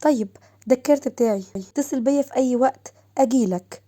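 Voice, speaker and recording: A woman storyteller voicing a coquettish Egyptian nurse in an audio story. Her coy, sing-song lines sit a little higher than the narration, mellow and soft. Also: quick pace. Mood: flirty. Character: flirty hospital nurse, coy.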